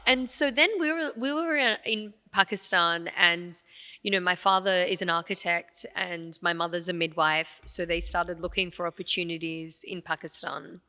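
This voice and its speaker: A woman's voice: fairly low pitch, normal speed, in a large hall. A woman from Afghanistan, a guest on a podcast, telling her family's story in a casual interview, with many fillers and asides. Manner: warm, animated storytelling with frequent fillers. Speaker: podcast guest, radio presenter.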